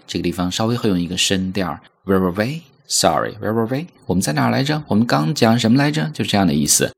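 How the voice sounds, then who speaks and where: Man, English teacher, very deep voice, lively sing-song delivery, slow model readings of phrases. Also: creaky. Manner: models English phrases slowly for repeating, explains in Mandarin. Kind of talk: spoken English lesson.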